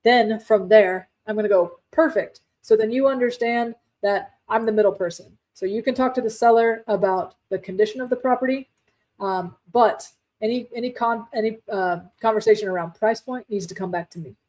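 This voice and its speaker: A woman's voice: fairly high pitch, fairly quick, darkish tone, low-quality recording. A woman hosting a casual live stream, chatty and firm, with many fillers and restarts. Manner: firm and direct. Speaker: livestream host, real estate wholesaler.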